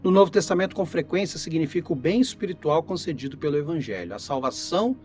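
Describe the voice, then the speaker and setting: A man's voice: on the high side, animated, fast, a little mellow. A Brazilian man giving an informal Bible lesson as a pastor, explaining things step by step and checking in with listeners, his voice tired and giving out after a flu. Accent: Brazilian Portuguese. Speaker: pastor teaching Bible study. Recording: guitar music behind the voice.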